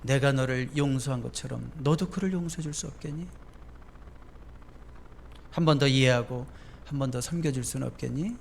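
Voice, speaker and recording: A man voicing the gentle Lord, soft and pleading. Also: medium pitch, moderate pace, gravelly, long pauses, a little hiss or hum, natural voice. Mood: tender.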